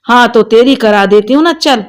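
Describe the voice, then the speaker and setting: A woman voicing a cheeky, sharp-tongued young woman who answers back with witty replies. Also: on the high side, normal speed, natural voice. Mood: teasing.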